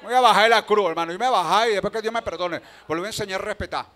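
A Venezuelan man preaches a Spanish-language sermon from a church pulpit. His voice sits high for a man and rings bright and forceful. He drops into quiet storytelling, then rises to shouted exhortations to the congregation. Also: racing. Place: church sanctuary.

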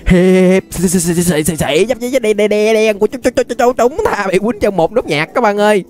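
A young adult man with a Southern Vietnamese accent hosts YouTube gameplay commentary from an indoor webcam setup, with soft music in the background. His voice sits high with a sing-song, darkish tone at a moderate pace, and his talk is casual, playful, and exclamatory.

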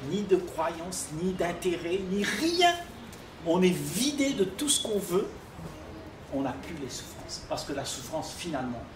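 Older man teaching calmly in an echoey room. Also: on the high side. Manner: calm, teaching, often asks "tu comprends?". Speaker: speaker at a public talk. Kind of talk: spiritual dialogue with audience. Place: library reading area, indoors. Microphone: far room microphone. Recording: echoey room, distant mic, noisy.

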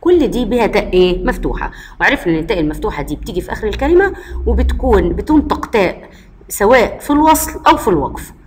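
A woman's voice: mid-range voice, expressive, very fast. A woman with an Egyptian Arabic accent, a primary school teacher giving a recorded lesson to first graders and answering her own questions patiently. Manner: patient, asks the class questions and answers them herself.

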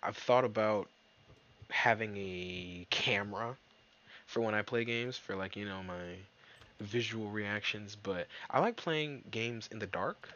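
A man giving casual, jokey let's-play commentary, excitable and swearing, talking to himself and his viewers. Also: lowish voice, measured pace, muffled recording. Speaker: gaming YouTuber. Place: dark room at home.

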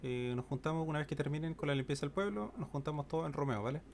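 A man's voice: on the high side, quick pace, vocal fry, a crowd in the background. A man with a Chilean accent giving tactical orders as squad leader in casual online game chat.

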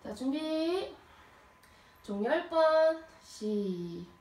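A woman's voice: sits high, very animated, extremely slow, darkish tone. A young woman coaching a home workout like a gym coach, counting out reps and cues with some exertion, heard from across a room. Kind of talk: exercise coaching with rep counting. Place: small carpeted home room, indoors. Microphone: camera a few metres away. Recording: roomy, echoing, distant camera microphone.

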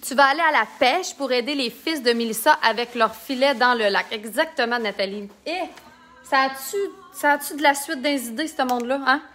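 A woman's voice: high-pitched, fairly quick, sharp tone. A woman with a Québécois accent, chatting and joking while she demonstrates makeup in a casual live tutorial and reads out viewer comments. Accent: Québécois French. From Quebec.

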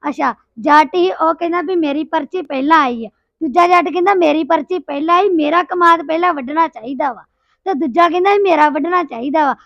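A woman playing a sharp-tongued, gravelly village woman. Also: high-pitched, a little fast, no echo, dull audio. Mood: arguing. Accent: Punjabi, Doabi. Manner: argumentative, sarcastic.

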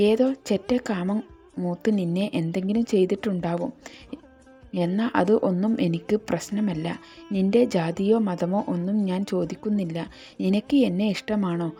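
A woman's voice: mid-range voice, dark tone, lightly acted. A woman voicing an ardent young man who insists on his love in a storybook reading, speaking tenderly and firmly.

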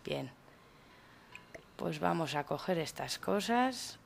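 A woman's voice: deep voice, expressive, slow, vocal fry, soft background music. A woman from Spain giving casual, chatty let's-play commentary, exclaiming and talking to the characters in her game. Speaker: gaming YouTuber.

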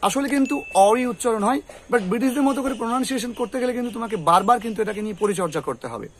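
Guy teaching english sounds, high voice, says every word over and over and quizzes the kid. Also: expressive, very fast. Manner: drills words by repeating them and quizzing. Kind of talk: tutoring lesson with a student.

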